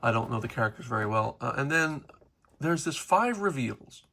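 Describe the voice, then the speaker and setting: A man's voice: medium pitch, lively intonation, normal speed, creaky, sharp tone, a little hiss or hum. A man casually talking through a toy unboxing in his home workshop, rambling with fillers. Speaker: toy collector vlogger.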